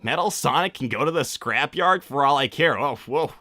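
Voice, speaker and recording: Sonic, bright hesitant young hedgehog, voiced by a man. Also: fairly high pitch, lively intonation, normal speed, no echo, clean studio sound, faint music behind. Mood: casual, unsure. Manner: hesitant, rambling, casual. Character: Sonic, casual, slightly awkward young male cartoon hedgehog. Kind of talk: improvised in-character livestream Q&A.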